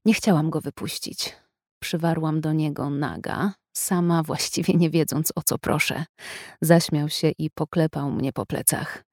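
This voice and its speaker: A woman reading a first-person story aloud in a calm, measured, intimate way. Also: sits low, no room sound, studio quality. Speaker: audiobook narrator. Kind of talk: scripted first-person narration.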